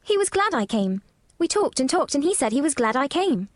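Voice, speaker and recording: A woman's voice: sits high, big pitch swings, fairly quick, no room sound, clean studio sound, voice pushed up. A woman voicing an earnest, self-assured little girl in an audiobook. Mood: insistent. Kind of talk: audiobook character voice.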